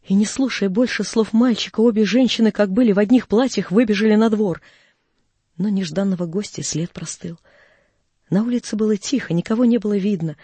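Male audiobook narrator, high husky voice, mellow, dry close recording. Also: brisk, dry recording. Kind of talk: scripted literary narration.

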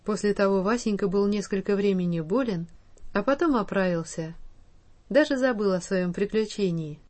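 A woman narrating a children's storybook, reading slowly and in a measured way. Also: mid-range voice, darkish tone. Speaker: audiobook narrator.

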